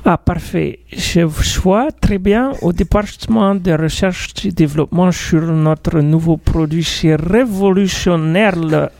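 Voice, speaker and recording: A man's voice: a little high, measured pace, creaky, hardly any pauses, darkish tone, no echo. A man playing an eager, comically earnest job interviewer in a radio sketch, with a put-on, Portuguese-sounding foreign accent. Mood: earnest, flustered. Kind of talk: radio comedy sketch, amateur read.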